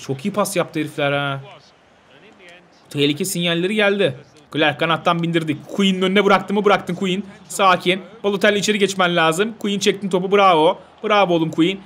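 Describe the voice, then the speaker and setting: A young man commentating his own football video game, talking to his players like a coach and shouting when goals go in. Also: high voice. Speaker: gaming video host.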